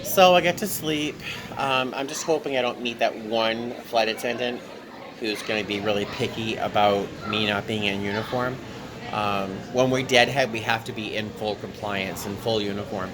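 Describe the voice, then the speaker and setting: A worn-out man vlogging as a flight attendant chats casually into his handheld camera, held at arm's length in an airport terminal. His voice is on the low side at normal speed, with clear airport noise in the background.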